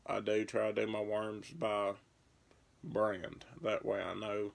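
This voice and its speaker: A young fishing vlogger rambles through his baits, listing them as he handles them, in a laid-back tackle show-and-tell filmed on a phone at arm's length in a small bedroom. His fairly low voice is completely flat, slow and full of vocal fry. Plastic bait bags crinkle behind his voice.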